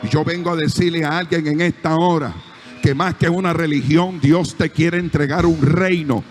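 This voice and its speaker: Soft background music plays under a man preaching in a church hall, his voice on the high side, steady in tone and moderately paced, with a big-room sound. He has a Panamanian Spanish accent, builds emphasis and acts out the voices of people in his anecdotes.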